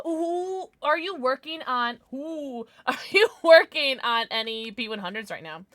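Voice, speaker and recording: Cute, bubbly, high-voiced woman streamer. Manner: animated, exclamatory, swinging from murmurs to squeals. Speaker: livestreamer, gaming host. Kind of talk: casual livestream chat over gameplay.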